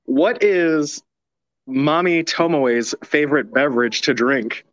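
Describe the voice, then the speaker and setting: A man's voice: fairly high pitch, slow, fairly bright tone, no room sound, highs cut off. A man co-hosting a podcast in laid-back casual chat, telling corny jokes. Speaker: podcast co-host.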